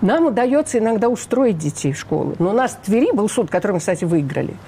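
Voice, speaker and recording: Speaking quickly with big pitch swings, this older woman has a medium-pitched, dark voice. As a refugee rights advocate guesting on a radio interview, she sounds indignant and emphatic and leans on rhetorical questions, with slight hiss or hum in the background.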